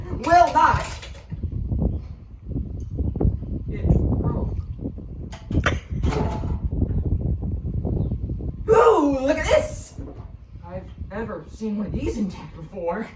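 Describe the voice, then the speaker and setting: Woman playing theatrical peddler, distant echoey recording. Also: fairly high pitch. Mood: eager pitch. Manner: theatrical, salesman-like, dramatic pauses and exclamations. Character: male desert merchant, eager, wheedling showman and storyteller. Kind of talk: amateur theatrical monologue. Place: outdoors. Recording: roomy, distant mic, noisy outdoor ambience.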